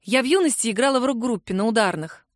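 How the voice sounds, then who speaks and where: Woman reader as curt reluctant young woman, higher voice, dry close read. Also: animated, fast, no echo, lightly acted. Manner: curt, clipped replies.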